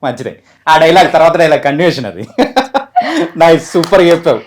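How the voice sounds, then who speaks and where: A man's voice: a little high, a little fast. A man interviewing child actors in a casual, playful and encouraging way, mixing in English words.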